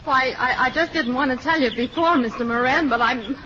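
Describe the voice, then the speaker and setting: An anxious young woman in an old radio comedy. Her voice is high and sharp, her delivery earnest and flustered. The old recording is dull. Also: brisk. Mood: worried. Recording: dull, faintly noisy vintage radio recording.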